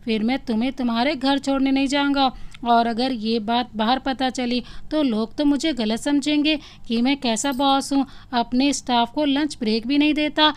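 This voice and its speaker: A woman's voice: high-pitched, steady tone, moderate pace, clean tone, lightly acted. A woman reading a stern young male boss. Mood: scolding.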